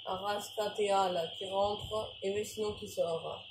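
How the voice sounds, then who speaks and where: A young French man commentating a football video game he is playing, rattling off player names and shouting at big chances. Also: high voice, steady tone, measured pace, background noise. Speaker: gaming YouTuber.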